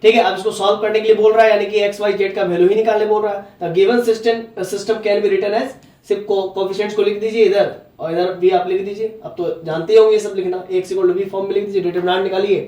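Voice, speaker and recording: Blunt high-voiced male maths teacher, Jharkhand accent, recorded in an echoey room with the mic a bit far off. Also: level tone, fast talker, few pauses, darkish tone. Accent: Hindi from Jharkhand. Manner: blunt, scolding, repeats "है ना?" and "ठीक है?". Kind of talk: classroom maths lecture.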